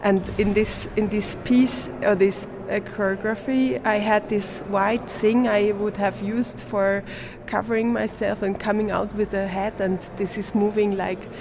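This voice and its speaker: Casting: young Swiss performance artist, German-speaking native, searches for words, faint background hum. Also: female voice, medium pitch, flat delivery, a little slow, hardly any pauses. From Switzerland. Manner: hesitant, searching for words, laughs often. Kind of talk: interview answers.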